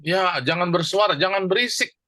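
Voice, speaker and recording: A man's voice: high-pitched, bright, forceful tone, no echo. A man teaching a Bible verse in a church class, explaining it word by word and asking and answering his own questions. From Indonesia. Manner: slow and deliberate with many pauses. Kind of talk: teaching a Bible verse, mixing two languages.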